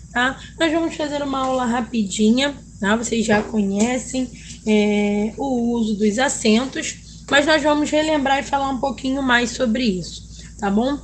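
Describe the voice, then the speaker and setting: A woman's voice: a little high, noisy background. A woman teaching a primary school video lesson. She talks patiently, stretches out example words, and keeps checking in with the children. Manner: ends phrases with "tá?" checking in with pupils.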